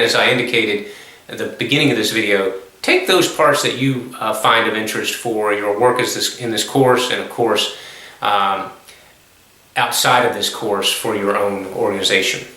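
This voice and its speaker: A male course instructor giving a recorded online lecture, measured and explanatory, with frequent ums and self-corrections. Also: lowish voice, sharp tone. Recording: very echoey room.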